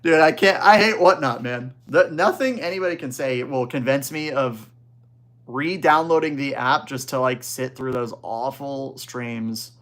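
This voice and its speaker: A young man hosting a casual livestream, reading viewer chat aloud and reacting in relaxed, slangy banter. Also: mid-range voice, unhurried. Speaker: livestream host.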